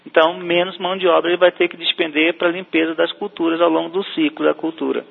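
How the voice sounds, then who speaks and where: Male researcher, gravelly, slightly high, phone-line sound. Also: little pitch movement, over loud music. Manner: explanatory, lists items with pauses. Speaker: agricultural researcher. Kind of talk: interview answers. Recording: tinny phone-like line with reverb.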